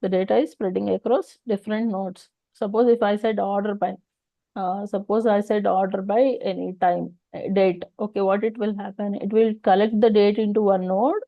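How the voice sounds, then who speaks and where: A woman's voice: medium pitch, no room sound, lo-fi sound. A woman with a South Indian accent teaching an informal technical lesson, explaining step by step and often asking questions that the speaker then answers. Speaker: data engineering instructor.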